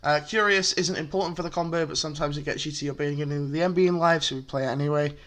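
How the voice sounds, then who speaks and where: Man, slightly high voice, casual, chatty, lots of ums, step-by-step explaining. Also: steady tone, quick pace, fairly bright tone. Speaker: deck profile presenter. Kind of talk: casual card game explanation.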